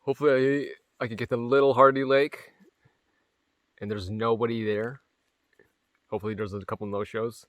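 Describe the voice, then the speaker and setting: A man's voice: medium pitch, fairly even intonation, moderate pace, long pauses, no echo. A tired, sore man talking casually to his camera on a forest hiking trail, rambling with fillers and swearing. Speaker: vlogger on a solo hike. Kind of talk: casual hiking vlog narration.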